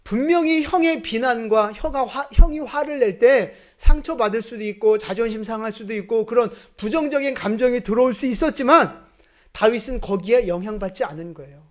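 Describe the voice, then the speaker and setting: A woman pastor preaching a lively sermon, putting questions to the congregation. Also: on the high side. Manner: lively, talks to the congregation with questions and acted quotes. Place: church sanctuary.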